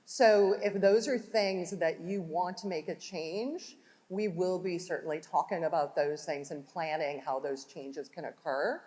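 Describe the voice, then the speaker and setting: Low-voiced woman leading a conference panel. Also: unhurried, darkish tone. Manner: conversational, filler-heavy. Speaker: panel host. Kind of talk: corporate panel Q&A. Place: conference hall. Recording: hall reverb from room mic.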